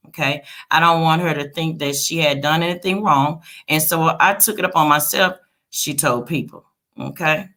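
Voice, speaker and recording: A woman hosting a casual celebrity gossip livestream, chatting straight to her viewers with frequent check-in tags like a quick okay. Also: low voice, bright, forceful tone.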